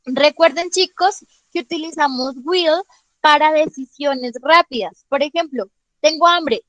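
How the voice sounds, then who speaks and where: A woman's voice: high-pitched, a little slow, fairly bright tone, dry recording, poor audio. A woman teacher explaining grammar in an online class, patiently checking understanding with frequent questions and calling on students by name. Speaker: English teacher.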